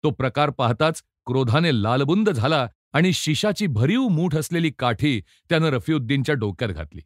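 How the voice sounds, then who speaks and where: A man narrating a novel aloud in an expressive, theatrical storytelling manner. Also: mid-range voice, normal speed, no echo, studio quality. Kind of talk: dramatic audiobook narration.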